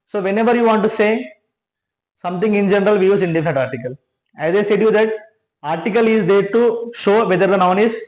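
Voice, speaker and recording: A man teaching grammar, explaining step by step with many restarts and frequent checks of "right?". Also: high voice. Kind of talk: classroom grammar lesson. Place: classroom with a board. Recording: echoey room.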